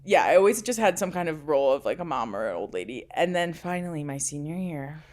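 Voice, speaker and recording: Young woman podcast cohost, kinda low voice, laughs a lot, acts out quotes. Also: very animated, fast talker, a little mellow. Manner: chatty, laughs often, acts out quotes in bursts. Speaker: podcast co-host. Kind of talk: casual chat.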